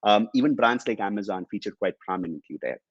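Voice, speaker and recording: A fast, expressive man with a fairly low voice, recorded dry and dull, presents a business webinar as a company executive. Tamil is his first language, and he explains things hesitantly, full of ums and uhs.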